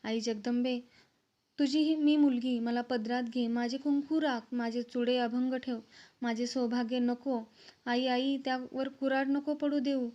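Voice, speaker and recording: A woman's voice: high-pitched, fairly even intonation, a little slow, warm tone. A woman reading as a devout wife praying fervently. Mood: beseeching. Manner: fervent, beseeching. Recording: slightly dull, lo-fi recording.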